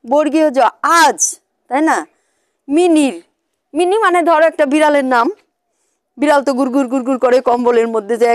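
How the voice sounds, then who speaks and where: A woman teaching young children to spell, sounding out letters slowly in a sing-song way and often asking them questions. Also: high voice, no echo, studio quality.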